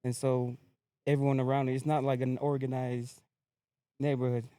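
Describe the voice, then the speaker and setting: A young man from American Samoa, a podcast guest telling his story in a relaxed, laid-back casual chat. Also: mid-range voice, moderate pace, clean tone, no echo.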